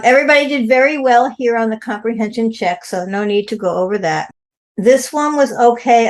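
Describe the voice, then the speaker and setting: Clear, careful woman teacher. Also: a little high. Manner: slow, careful pronunciation of word forms. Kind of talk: online class lecture.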